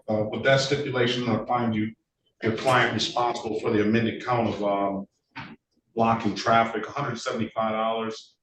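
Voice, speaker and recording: Male judge on an echoey courtroom recording. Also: fairly low pitch. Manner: procedural, with frequent uh and um fillers. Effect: courtroom recording from a distant room mic. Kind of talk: presiding over a court hearing. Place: courtroom or judge's meeting room, indoors. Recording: echoey room, distant mic, faint noise.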